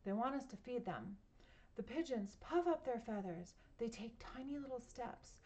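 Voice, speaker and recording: A woman reads a children's picture book aloud at home. Her delivery is gentle and patient, and she keeps turning to her young listeners with questions. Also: a little high, expressive, normal speed. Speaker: children's story reader.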